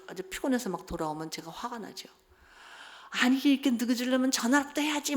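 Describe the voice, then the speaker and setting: A middle-aged woman giving a church seminar talk, telling stories from her marriage, acting out quotes and putting questions to the audience. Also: fairly low pitch. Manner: lively storytelling, acts out quotes, asks the audience questions. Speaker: seminar speaker.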